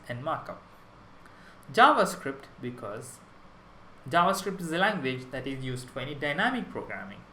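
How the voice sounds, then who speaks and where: A man's voice: a little high, pushed and bright, reverberant, a little hiss or hum, low-quality recording. A young man from Sri Lanka giving a prerecorded conference talk on web development, enthusiastic and explanatory, with small restarts.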